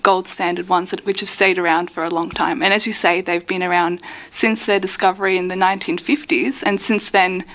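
A woman, a PhD researcher, explaining things clearly as a guest in a radio studio interview. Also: on the low side, little pitch movement, a little fast, a bit bright.

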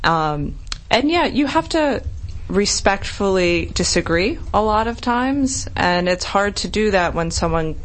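A woman's voice: medium pitch, expressive, measured pace. A woman talking as an expert interview guest, earnest and persuasive in a conversational way. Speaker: data scientist, interview guest.

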